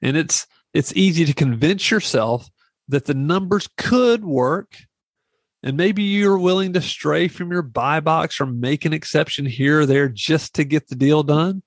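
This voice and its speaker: Offering casual advice on his real estate investing podcast, a middle-aged man rambles and keeps repeating phrases to drive points home. His voice is a little high and a little slow, in a dry recording.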